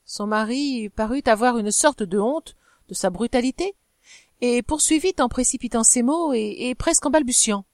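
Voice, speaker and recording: A woman's voice: on the high side, moderate pace, darkish tone, dry recording. Woman reading a novel aloud, dry close sound. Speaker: audiobook reader.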